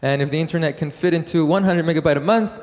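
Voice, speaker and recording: A man from Iraq giving a technical conference talk, halting with fillers and restarts. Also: fairly high pitch, darkish tone. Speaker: conference speaker. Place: conference hall. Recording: hall with long reverb.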